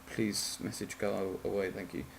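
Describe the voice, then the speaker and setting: A man's voice: sits low, flat delivery, a little slow, gravelly, a little hiss or hum. A man giving a casual, rambling game tutorial, sleepy and yawning, often apologizing, correcting himself and swearing.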